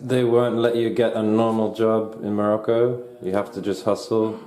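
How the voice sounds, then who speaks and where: A man interviewing someone, asking questions haltingly and restarting them. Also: fairly low pitch, level tone, dark tone, reverberant.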